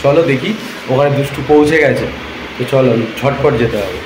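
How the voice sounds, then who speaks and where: A man's voice: medium pitch, a little fast, roomy sound, background noise. Tired, chatty man vlogging on a trip. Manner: chatty, talks straight to viewers. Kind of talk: casual travel vlog talk. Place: hotel and beach town, indoors and out.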